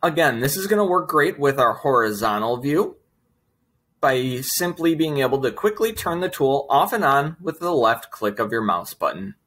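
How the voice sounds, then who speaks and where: Lively, bright-voiced man giving a software tutorial. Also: mid-range voice, normal speed. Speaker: software trainer presenting a tutorial. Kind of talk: instructional screencast narration.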